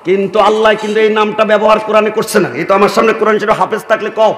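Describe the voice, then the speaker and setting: A man with a preaching a waz sermon, swinging between shouts and hushed asides and urging the crowd to respond. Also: high-pitched, steady tone, quick pace, echoey room.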